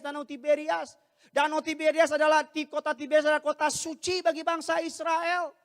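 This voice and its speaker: A man delivering a lively sermon in a bright, high voice that rings with long hall reverb. He jokes with the congregation and breaks into sudden shouted lines. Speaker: pastor.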